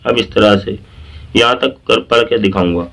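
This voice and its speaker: A man teaching Quran reading with a Pakistani Urdu accent, explaining briskly and then reciting each word slowly and drawn out. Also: on the low side, vocal fry, fairly bright tone. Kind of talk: recitation lesson.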